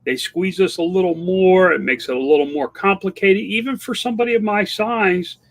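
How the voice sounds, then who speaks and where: A man's voice: high voice, normal speed. A man in his fifties chatting candidly on a livestream, rambling through restarts and fillers while answering viewer comments. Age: 50s. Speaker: online seller and livestream host. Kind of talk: casual livestream chat reading viewer comments.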